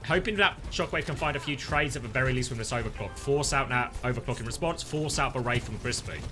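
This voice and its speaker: A man's voice: mid-range voice, fast talker, music in the background. A man doing live play-by-play esports commentary in urgent, clipped calls that rise with the action.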